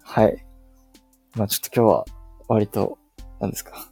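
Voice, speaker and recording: A man's voice: lowish voice, moderate pace, creaky, dark tone, husky, no echo, soft background music. A young man in his twenties with a Kansai accent, co-hosting a casual podcast chat in a laid-back, agreeable way with lots of drawling fillers. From Kansai, Japan. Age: 20s. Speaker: podcast co-host.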